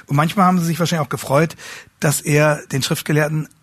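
A man teaching a class on how to preach, earnest and restating his words as he searches for phrasing, rising higher and louder when he stresses a point. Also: fairly even intonation, fast, husky, dry recording. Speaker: homiletics teacher. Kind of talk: lecture on preaching.

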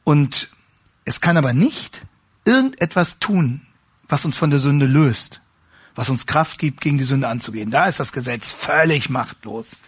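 A man teaching a class on how to preach, earnest and restating his words as he searches for phrasing, rising higher and louder when he stresses a point. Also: lively intonation, normal speed, breathy edge, dry recording, clean studio sound. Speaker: homiletics teacher. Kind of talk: lecture on preaching.

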